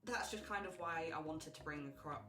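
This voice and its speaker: A woman's voice: deep voice, a little fast, roomy sound, over music. A woman player chatting casually, giggly and talkative. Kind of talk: casual chat.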